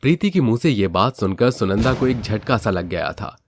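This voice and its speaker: A man narrating a moral storybook tale in a steady, even way. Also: fairly low pitch, normal speed, a little hiss or hum.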